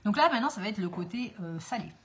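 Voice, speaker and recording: A woman's voice: medium pitch, animated, fast, slight background noise. A woman hosting a casual live cooking stream from her home kitchen, chatting with viewers through her phone and rambling with many fillers.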